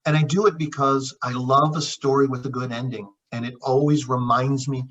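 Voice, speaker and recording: A middle-aged naturopath and chiropractor shares personal stories in earnest, reflective conversation, often addressing his co-host by name. His medium-pitched voice is fairly bright, with fairly even intonation and a moderate pace. The audio has a dull, lo-fi quality.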